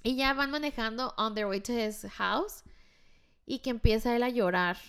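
Young Mexican woman, co-host, high clear voice, chatty reactions, mixes in English. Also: normal speed, a bit bright. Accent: Mexican Spanish. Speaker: podcast co-host. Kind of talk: casual chat.

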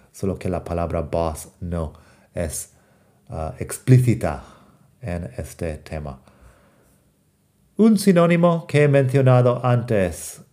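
A man's voice: fairly low pitch, mellow. A man from the United States giving a podcast English lesson in Spanish, reading example phrases in English. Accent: American English. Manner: slow, explains in Spanish and reads English example lines. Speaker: English teacher.

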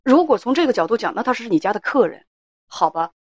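A woman's voice: on the high side, big pitch swings, fast, slightly rough, no room sound. A woman hosting a call-in advice show, asking probing questions and lecturing the caller. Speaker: radio advice show host.

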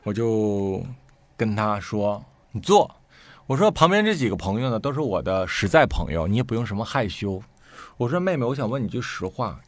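Animated storytelling man. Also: fairly low pitch, no echo. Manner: animated, acts out quoted speech with sharp rises. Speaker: storyteller guest. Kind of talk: casual conversational storytelling.

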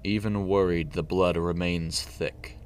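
A man voicing a calm, cloaked vampire killer with a gravelly voice and a measured way of speaking. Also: low-pitched, a little hiss or hum. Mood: calm menace.

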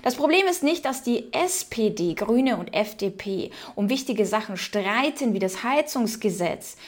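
A woman from Ukraine with a fairly high voice hosts casual political commentary. She reads out news quotes and answers them with strong opinions, directly addressing her viewers. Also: animated, unhurried.

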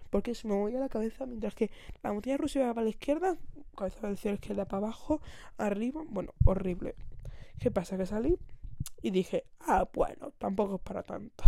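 A woman's voice: mid-range voice, creaky, mellow, no room sound, clean studio sound. A young woman from Spain with a Spanish accent, telling a casual anecdote on her podcast in a rambling way, correcting herself and laughing often. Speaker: podcast host.

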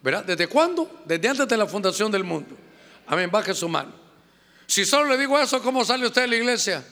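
A man preaching in a high, bright, piercing voice. He presses his congregation with rhetorical questions, fervent and direct. His words ring out with a long echo through a church hall. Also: big pitch swings, fairly quick. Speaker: pastor. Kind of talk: sermon. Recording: echoey church hall reverb.

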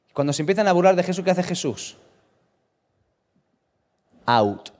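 A man's voice: sits high, racing, darkish tone. A man from preaching a sermon with emphatic rhetorical questions. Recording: long reverb of a large room.

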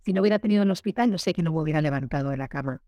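A woman, an actress, talking candidly in an interview, telling her story lively and acting out the voices she quotes. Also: low voice, rapid-fire, dry recording. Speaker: guest, actress.

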